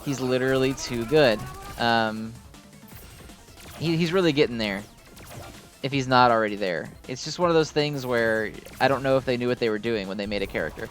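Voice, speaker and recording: Over game music, a man at medium pitch and normal speed delivers off-the-cuff gameplay commentary as a gaming video host. It's rambling, self-deprecating fan chatter in an informal style.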